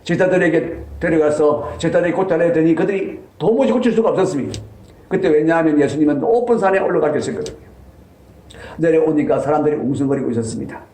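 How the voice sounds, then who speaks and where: A man's voice: on the high side, fast, darkish tone. A man preaching a sermon as pastor, emphatic and repeating his key points. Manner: emphatic, repeats key lines, voice swings up for stress. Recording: echoey church sanctuary.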